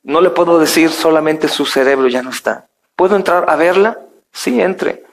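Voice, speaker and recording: A man's voice: on the high side, normal speed. A male pastor preaching a sermon, telling a story and reading scripture to his congregation. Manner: addresses congregation as brothers, storytelling.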